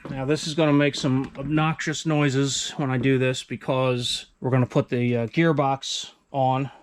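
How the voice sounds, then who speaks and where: A man's voice: mid-range voice, level tone, unhurried. A middle-aged man giving casual, unscripted commentary as he works, thinking aloud in a small workshop. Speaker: host, hobby machinist. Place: small indoor wood-panelled workshop. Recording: clear machine and workshop noise.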